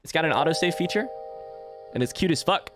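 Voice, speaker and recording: An easygoing male streamer commentating his own gameplay, loose and profane, tossing out jokes. Clear game music plays behind him throughout. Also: a little high, expressive, brisk. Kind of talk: casual let's-play commentary.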